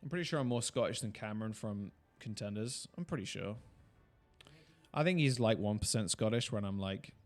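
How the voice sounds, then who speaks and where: A man casually breaking down a game replay, reacting loudly and swearing often as the plays unfold. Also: lowish voice, animated, fairly quick, faint music behind. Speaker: esports streamer and analyst.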